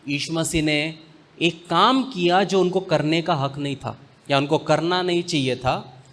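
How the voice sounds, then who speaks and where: A man preaches a sermon. His voice sits a little high, and he moves at a slow, deliberate pace. He leans on weighty pauses and mixes in English phrases. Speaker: pastor.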